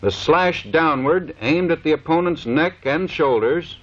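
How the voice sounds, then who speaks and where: An American man with a voice on the high side delivers formal, clipped, scripted instructions at a measured pace, like the narrator of a 1930s military training film. The audio sounds like a dull vintage 1930s film soundtrack.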